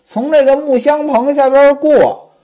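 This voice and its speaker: A woman's voice: fairly even intonation, unhurried, dark tone. A woman storyteller voicing a cunning young concubine who wails and protests her innocence in a raised, pleading voice. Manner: high wailing protesting pleading.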